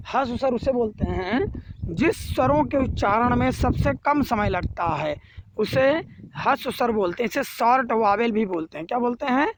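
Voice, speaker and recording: A man's voice: extremely high pitch, noisy background. A man teaching a grammar lesson to children, repeating each rule and then asking and answering his own questions. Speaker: Hindi teacher.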